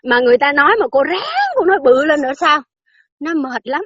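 A woman speaks briskly in a high, slightly bright voice, delivering a Buddhist dharma talk full of chatty teasing and repeated questions for her listeners. The recording has no echo and comes across dry and a little dull.

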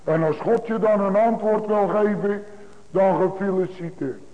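High-voiced preacher over a tinny line. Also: male voice, a little slow, warm tone. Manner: emphatic, repetitive preaching cadence. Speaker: pastor. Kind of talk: sermon. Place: church. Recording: tinny phone-like broadcast in a large reverberant church.

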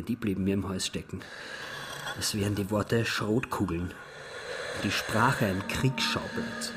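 An actor playing a shy, withdrawn son in his forties who narrates quietly and reflectively. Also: mid-range voice, lightly acted. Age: 40s. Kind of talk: radio play monologue.

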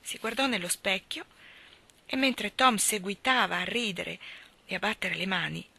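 A woman reading a classic novel aloud with measured, expressive narration. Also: medium pitch, vocal fry. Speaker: audiobook reader. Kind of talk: literary reading.

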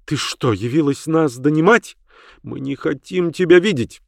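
A man's voice: fairly high pitch, moderate pace, gravelly, no room sound, clean studio sound, pitched above the performer's own voice. A man voicing an agitated older woman who talks with urgent, emphatic pleading. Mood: fearful, hostile. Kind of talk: audiobook character voice.

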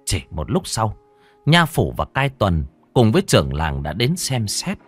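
A man reading a horror story aloud with dramatic, expressive delivery. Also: on the low side, a little slow. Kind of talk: scripted horror story narration.

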